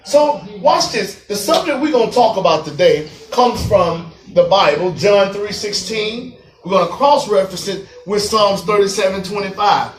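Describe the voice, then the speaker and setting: A man preaching to a group of parolees, animated, laughing and acting out voices as he goes. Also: sits high, moderate pace, faint music behind. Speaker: prison minister. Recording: echoey room, mic far off.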